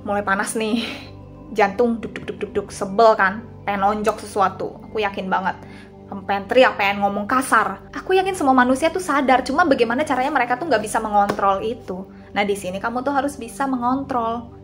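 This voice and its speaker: A woman's voice: on the high side, brisk, a bit bright. Chatty young woman sharing advice, music beneath. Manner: chatty and confiding, addresses viewers directly. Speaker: vlogger giving advice. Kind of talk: casual talking-head advice.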